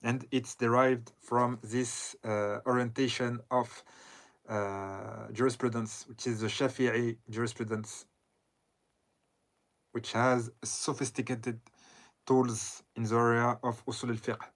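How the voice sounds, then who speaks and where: Slow, halting man lecturing. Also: mid-range voice, little pitch movement. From southern Lebanon. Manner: halting, with frequent "uh" pauses and self-corrections. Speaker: Islamic scholar lecturing. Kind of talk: lecture commenting on a read text.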